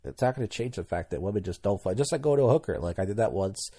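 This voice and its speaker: A man's voice: on the low side, animated, quick pace, dark tone, slightly rough. A man in his thirties hosting a solo podcast, talking casually and candidly, rambling and tripping over his words as he goes. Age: 30s. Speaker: podcast host.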